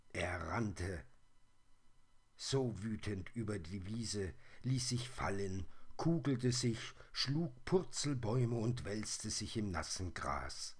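Man reading a children's story, slow, husky, lively pitch, gentle.

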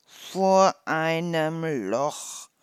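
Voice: mid-range voice, a little slow, no room sound, studio quality, lightly acted. Ein Vorleser spricht einen kleinen, neugierigen Igel. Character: small curious hedgehog, naive and friendly.

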